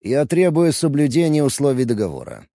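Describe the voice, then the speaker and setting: A man reads a cool-headed guild master, calm and self-assured, in a fantasy audiobook. The voice is gravelly and dark with a lively pitch. The recording is dry and close. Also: fairly quick, dry recording.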